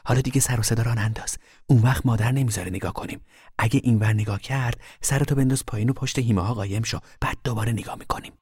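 A man's voice: medium pitch, darkish tone, breathy edge, no echo, clean studio sound, pitched above the performer's own voice, natural voice. A man voicing a nosy, boastful young girl who talks eagerly and bosses her little brother around.

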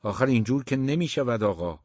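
A man's voice: mid-range voice, animated, darkish tone, no echo, highs cut off, natural voice. A man voicing a curt, stern father. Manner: curt and dry. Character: stern, guarded traditional father.

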